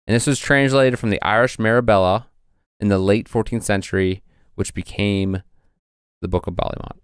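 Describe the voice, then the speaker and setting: Low-voiced man reading old records. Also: fairly even intonation, normal speed, clean tone, dry recording, studio quality. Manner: reads passages from old texts, hesitant with fillers. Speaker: podcast co-host presenting research. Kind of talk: casual podcast chat.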